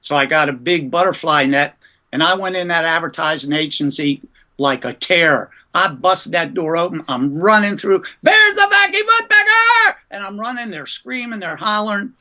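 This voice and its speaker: A man from the US East Coast, a ventriloquist, telling lively anecdotes about his early career in a casual interview. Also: fairly high pitch, normal speed.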